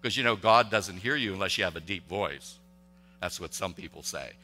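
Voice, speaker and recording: Male pastor, intense and tense-toned, folksy halting sermon delivery, long church-hall reverb. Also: low-pitched, expressive, pushed and bright, faint music behind. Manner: conversational, halting, many restarts and rhetorical questions. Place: church sanctuary.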